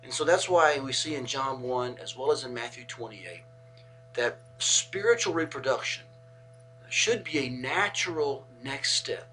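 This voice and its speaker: Measured man teaching from the Bible. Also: medium pitch, sharp tone, a little hiss or hum, rough recording. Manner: measured, stresses key words and repeats them.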